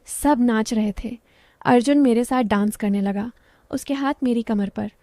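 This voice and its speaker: Woman storyteller, emotional, confiding, mellow tone, dry close sound. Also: on the high side, measured pace, no room sound. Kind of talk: first-person scripted narration.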